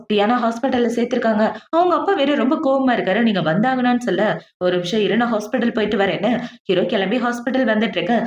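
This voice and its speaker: Fast-talking woman recapping a drama. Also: fairly high pitch, roomy sound, lo-fi sound. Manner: brisk chatty retelling, acts out quoted lines. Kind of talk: casual storytelling recap of a drama.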